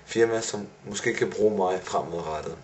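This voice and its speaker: A man's voice: low-pitched, a little hiss or hum. A young man recapping his day in a casual video diary, rambling and self-analytical with many fillers. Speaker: vlogger.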